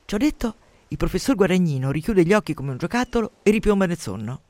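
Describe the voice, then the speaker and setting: Male radio reader, measured and wry, high-ish, dead-dry studio mic. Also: big pitch swings, dark tone, dry recording. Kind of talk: scripted story narration.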